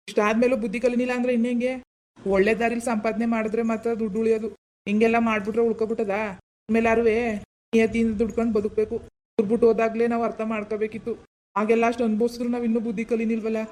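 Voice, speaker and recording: A man's voice: very high-pitched, darkish tone. A voice actor playing a blunt, practical village husband in a cartoon who lectures and nags his wife. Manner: nagging, lecturing. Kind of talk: Kannada cartoon voice acting.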